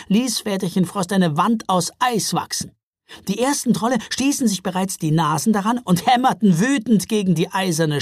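A woman narrating a children's audiobook in a lively, expressive way. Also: mid-range voice, no echo, clean studio sound.

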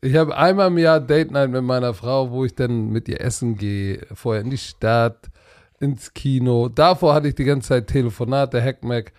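A man's voice: mid-range voice, moderate pace, a little mellow. A man hosting a podcast in a casual, chatty style. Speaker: podcast host.

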